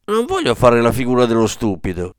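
A man's voice: mid-range voice, huge pitch swings, brisk, clean tone, no echo, clean studio sound. A man voicing an aged man trapped in a baby's body, whiny and falsely respectful, with a trembling voice.

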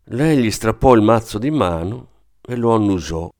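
Man with a low voice, reading a story. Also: expressive, moderate pace, a little mellow, dry recording, studio quality. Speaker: narrator. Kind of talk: scripted audiobook narration.

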